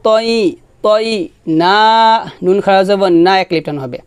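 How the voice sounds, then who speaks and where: A man teaching Quran recitation, spelling out letters and chanting words slowly with long drawn-out syllables. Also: high-pitched, smooth, dry recording, studio quality. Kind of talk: tajweed lesson, spelling and slow recitation.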